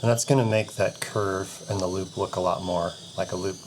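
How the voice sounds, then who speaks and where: A man's voice: deep voice, steady tone, moderate pace, a little hiss or hum, poor audio. A man who flies FPV drones, casually walking through trick instructions step by step. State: out of breath. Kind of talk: casual tutorial explanation.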